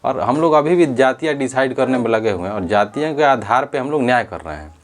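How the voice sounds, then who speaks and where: A man's voice: medium pitch, lively intonation, brisk. A man giving earnest spoken commentary on a social issue, often restarting and correcting himself as he talks. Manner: earnest, repetitive, with frequent self-corrections.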